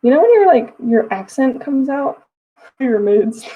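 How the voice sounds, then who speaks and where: A 21-year-old Texan woman hosts a livestream, chatting casually and reading viewers' messages aloud to answer them as they arrive. Her voice is high-pitched, sing-song, and slightly rough at a moderate pace, heard through narrow, tinny audio.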